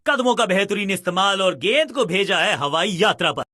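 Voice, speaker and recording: A man giving excited cricket commentary as a commentator, with dramatic, flowery exclamations. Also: high-pitched, a little fast, slight background noise.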